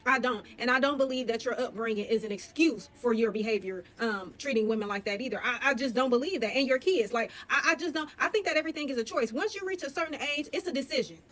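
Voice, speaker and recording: Woman, high voice, rapid emphatic scolding commentary. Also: fairly bright tone.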